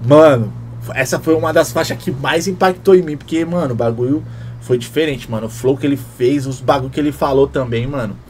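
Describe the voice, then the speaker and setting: Excited slangy man reacting to music. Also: mid-range voice, quick pace, a little hiss or hum. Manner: excited, slangy, keeps saying "mano". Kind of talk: casual reaction commentary. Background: hip hop track playing faintly.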